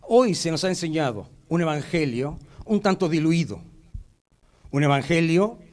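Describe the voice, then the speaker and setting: A man's voice: on the high side, animated, normal speed, darkish tone, low-quality recording. A man preaching a sermon in a church, telling a story with vivid drama. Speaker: pastor.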